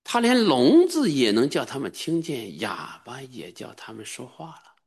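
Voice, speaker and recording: A middle-aged man preaching a sermon as a pastor, emphatic and sometimes bursting into high-pitched exclamations. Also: huge pitch swings, moderate pace, a little mellow, breathy edge.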